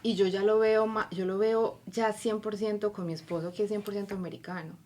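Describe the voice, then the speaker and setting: A woman's voice: mid-range voice, steady tone, a little fast, darkish tone. A woman from Colombia with a Colombian accent, a podcast guest telling her life story animatedly and acting out her own inner voice. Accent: Colombian Spanish. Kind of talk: casual interview conversation.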